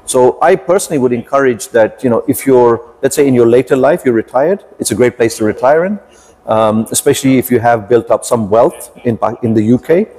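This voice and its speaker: A man in his fifties, a podcast guest telling his story in a measured, reflective way with frequent pauses. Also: medium pitch, mellow. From United Kingdom. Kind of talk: podcast interview.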